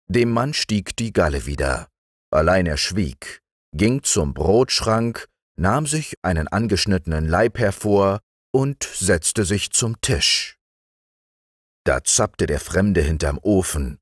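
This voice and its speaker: Slow, expressive male storyteller. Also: deep voice, no echo, studio quality. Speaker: audiobook reader. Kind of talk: calm bedtime fairy-tale reading.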